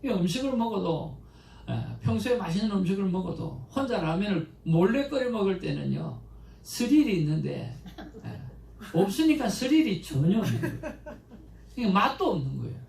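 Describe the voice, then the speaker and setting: A man, a pastor, giving a conversational Sunday sermon in a church, mixing stories with animated pleas to God. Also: high voice, moderate pace, gravelly. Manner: conversational, anecdotal preaching with animated emotional quotes. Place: church sanctuary. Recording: echoey church room, mic at a distance, faint background noise.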